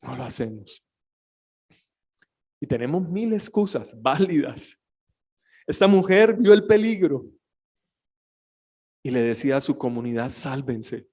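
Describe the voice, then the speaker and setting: A man preaching a sermon as pastor, swinging between hushed, emotional passages and shouted pleas. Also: fairly high pitch, sing-song, unhurried, pauses often. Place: church.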